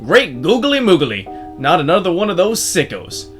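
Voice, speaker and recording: A man voicing a flustered male police officer who exclaims loudly in folksy phrases. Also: high voice, huge pitch swings, moderate pace, soft background music, pitched above the performer's own voice. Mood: shocked. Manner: loud, exclamatory.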